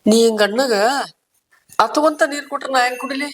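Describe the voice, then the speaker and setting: A man's voice: extremely high pitch, quick pace, noisy background. A man with a North Karnataka Kannada accent plays a caring older brother who works as a poor laborer. He speaks in an earnest, pleading way, asking the same questions again and again. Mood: anxious. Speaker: actor in a short film. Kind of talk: village family drama acting.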